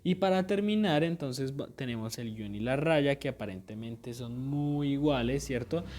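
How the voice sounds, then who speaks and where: A male teacher with a mid-range, slightly mellow voice works through a grammar lesson. He explains each point patiently, checks that his students are following, and repeats things with small self-corrections.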